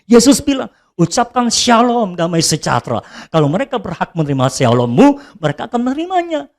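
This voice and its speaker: A man's voice: sits high, sing-song, brisk. A man preaching a sermon as pastor, joking and acting out prayers and quotes dramatically.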